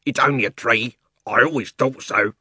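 A man's voice: mid-range voice, normal speed, bright, forceful tone, husky, no room sound, clean studio sound. Man doing a stubborn, insistent warthog. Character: stubborn, dim male warthog.

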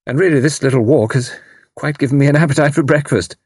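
A man voicing a chatty middle-aged Englishwoman with a crisp, twittering, compelling way of talking. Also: medium pitch, quick pace, darkish tone, dry recording, studio quality, pitched above the performer's own voice, natural voice.

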